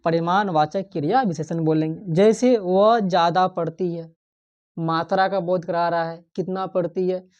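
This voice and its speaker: A woman's voice: fairly low pitch, steady tone, moderate pace, a little mellow, muffled recording. A woman teaching an exam-prep Hindi grammar lesson, who asks the class questions and repeats each key term.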